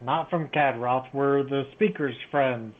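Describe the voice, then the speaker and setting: A man's voice: mid-range voice, slow pace. A man playing a tabletop roleplaying game, talking casually for his character. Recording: tinny phone-like voice link.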